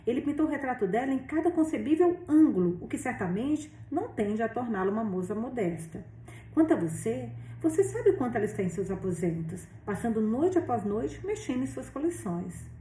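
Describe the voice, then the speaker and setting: A woman's voice: on the high side, sing-song, fairly quick, warm tone, a little hiss or hum. A woman reading as a worried older aunt, roomy. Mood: insistent. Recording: roomy echo, distant mic.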